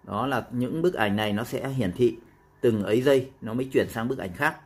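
Husky man giving an app tutorial. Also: medium pitch, normal speed. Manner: step-by-step explaining with fillers. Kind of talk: casual screen-recorded app tutorial.

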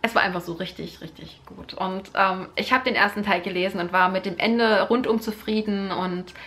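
Soft music plays behind a young German book vlogger whose medium-pitched voice is bright and forceful, with fairly even intonation and a moderate pace. Close to the camera in front of her living-room sofa, she talks enthusiastically and casually about a book series with plenty of fillers and repeated words.

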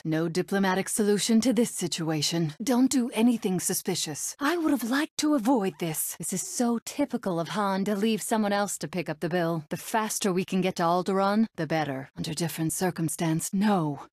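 A young rebel princess from a video game, played by an actress. She is resolute and a little haughty, speaking assertively with dry sarcasm at a middling pitch. The sound is close, with no room echo. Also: moderate pace, few pauses, a little mellow, close to an everyday voice. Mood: businesslike. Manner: crisp, assertive, dryly sardonic delivery. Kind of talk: video game character voice clips.

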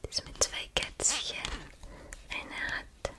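A woman in her twenties whispering softly and intimately, close to the microphone, in a casual ASMR chat. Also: slow. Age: 20s. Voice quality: soft breathy unvoiced whisper. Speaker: ASMR video creator. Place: small bedroom, indoors. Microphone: large microphone close to the mouth.

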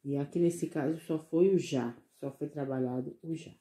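A woman teaching young children in a recorded lesson, patiently sounding out syllables and coaxing them with gentle diminutives. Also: sits low, normal speed. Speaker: preschool teacher.

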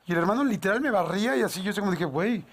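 A man with a Mexican Spanish accent telling a long anecdote on a talk show, animated and slangy, acting out the dialogue. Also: high-pitched, very fast.

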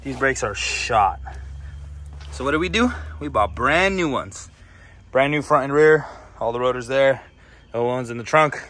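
A man's voice: medium pitch, measured pace, long pauses, slight background noise. A young man chatting casually to his viewers in a vlog, recorded outdoors beside a car on a hot day with a handheld camera. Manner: relaxed, chatty, addresses viewers as "boys". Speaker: car vlogger.

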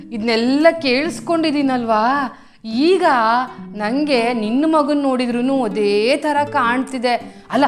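Woman doing a nosy auntie who enjoys making people cry, chatty and fake-sweet, high voice, comedy skit. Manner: falsely sympathetic, chatty, keeps adding "amma". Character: meddling middle-aged woman visitor who loves making others cry. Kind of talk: comic home skit.

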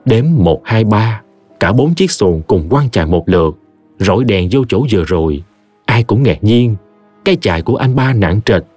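A man tells a horror story, his pitch rising and falling vividly. The voice is close and dry, with faint music underneath. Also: husky, no room sound. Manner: expressive, vivid. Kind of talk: scripted horror story narration.

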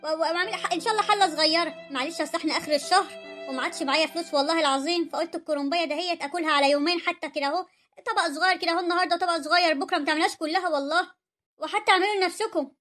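A woman voicing a poor, gentle older mother-in-law in an Egyptian cartoon story, pleading and self-effacing, with an Egyptian accent. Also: very high-pitched, very fast, faint music behind.

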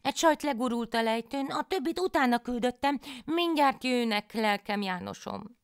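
A woman's voice: a little high, clean tone, pitched above the performer's own voice, close to an everyday voice. A woman voicing a foolish, cheerful young peasant wife in a folk tale, with naive, pleading speech.

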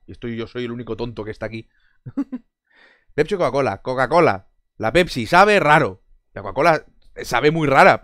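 A man's voice: medium pitch, a bit bright, no echo, studio quality. A man from Spain chatting casually on a live stream, answering chat with sarcastic jokes, frequent swearing and bursts of laughter.

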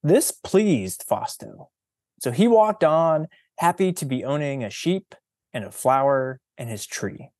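Slow, measured male storyteller. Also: medium pitch, big pitch swings, a little mellow, no echo, studio quality. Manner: slow, deliberate, teacherly storytelling. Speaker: presenter reading a picture book. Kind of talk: storybook read-aloud. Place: presentation.

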